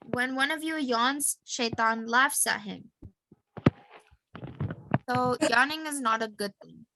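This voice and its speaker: A woman's voice: fairly high pitch, slow pace, background noise. A young woman teaching an online class over a video call, patiently having students repeat phrases after her.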